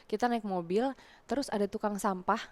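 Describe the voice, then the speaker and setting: A woman's voice: mid-range voice, fairly quick. A young woman from Indonesia, a guest in a casual interview, telling a childhood story and acting out the voices she quotes. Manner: lively storyteller who acts out quoted voices loudly. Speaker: guest, content creator.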